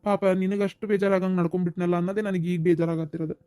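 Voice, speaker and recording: A man's voice: high voice, level tone, racing, warm tone, clean tone, no room sound, lightly acted. Remorseful younger brother done by a man, North Karnataka Kannada accent, earnest, pleading, dry studio sound.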